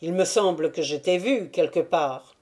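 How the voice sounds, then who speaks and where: A woman voicing a young Cossack man who speaks in loud, urgent, pressing questions in an audiobook. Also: on the low side, moderate pace, slightly rough.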